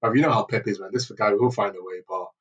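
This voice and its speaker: A young man talks football in loose, slangy banter. His voice is husky and sits a little back from the microphone. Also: on the low side, fast, a bit bright, distant mic, highs cut off. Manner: laid-back slangy banter, laughs often. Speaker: podcast co-host. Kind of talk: casual football chat.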